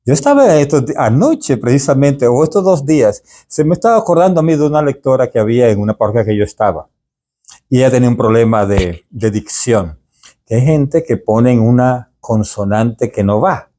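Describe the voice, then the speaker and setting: A man's voice: lively intonation, fairly quick, warm tone. A middle-aged man with a Caribbean Spanish accent, teaching a workshop for church readers in a chatty way, often asking the group if they agree. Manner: chatty, asks the audience "¿de acuerdo?"; acts out examples with sudden pitch jumps. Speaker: deacon teaching a workshop for lectors. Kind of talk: informal teaching talk.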